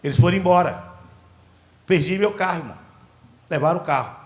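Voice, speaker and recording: A man with a Brazilian Portuguese accent, a pastor preaching a sermon and telling a story with animated, dramatic delivery. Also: on the high side, fairly quick, echoey room.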